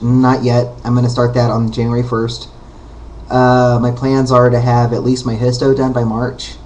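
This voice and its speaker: A man with a baritone voice in a mid-range register talks straight into a webcam. He rambles, candid and unpolished, filling his pauses with ums and uhs. A faint background hiss sits under the voice. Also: darkish tone, poor audio. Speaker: vlogger. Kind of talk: casual talking-to-camera vlog.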